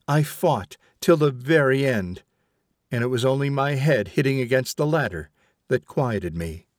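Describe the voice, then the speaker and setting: A haunted young rebel recounts his ordeal in earnest, dramatic first person, voiced by a man reading an audiobook. The voice sits in a middle male pitch. The recording is dry and close. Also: no echo, natural voice.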